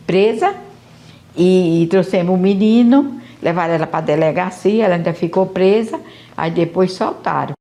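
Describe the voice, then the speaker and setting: Older woman with a Northeastern Brazilian accent. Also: medium pitch. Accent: Alagoas, Northeastern Brazilian. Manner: lively retelling, acts out quoted dialogue, frequent restarts. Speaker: interviewee. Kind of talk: oral history storytelling.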